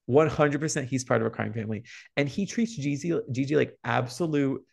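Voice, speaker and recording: A man co-hosting a podcast, telling gossipy stories in an animated, casual way. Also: mid-range voice, brisk, vocal fry. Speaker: podcast co-host.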